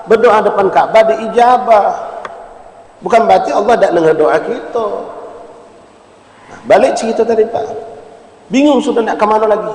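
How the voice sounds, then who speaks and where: High-voiced Palembang preacher in echoey mosque. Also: male voice. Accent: Palembang Malay. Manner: animated storyteller, addresses listeners as "Pak". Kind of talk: storytelling sermon. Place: mosque hall. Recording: echoey mosque hall, long reverb.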